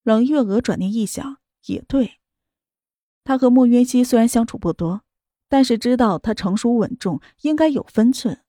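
A female audiobook narrator tells the story in a steady, measured way. Her voice sits a little high but sounds soft and mellow. The recording is dry and close. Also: no echo. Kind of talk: scripted novel narration.

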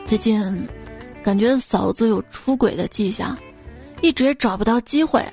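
A woman's voice: on the high side, normal speed, a little mellow, soft background music. A woman hosting a radio joke segment, reading one short gag after another and raising her voice for the quoted characters. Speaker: radio host telling jokes.

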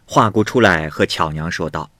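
A male storyteller retelling a classic ghost tale in plain vernacular, leisurely and expressive, doing the voices of all the characters. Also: sits low, moderate pace, dry recording.

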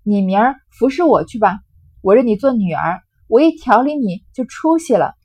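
A bossy young noblewoman who teases and gives orders in quick, confident phrases, read aloud by a woman. Her voice sits at a middling pitch with a slightly breathy grain. It sounds close and dry, with no room sound. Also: animated, a little mellow, no room sound. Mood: teasing. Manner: brisk, teasing, commanding. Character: sharp-tongued young noblewoman running a great household.

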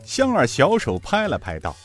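A man narrating a serialized martial-arts story in an expressive, animated way. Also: on the high side, moderate pace, soft background music.

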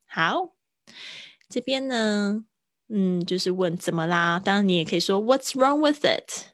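A woman's voice: mid-range voice, fairly even intonation, no room sound. Woman drilling English phrases, dry close sound. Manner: explains slowly, repeats phrases to drill pronunciation. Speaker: English teacher. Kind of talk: livestream language lesson.

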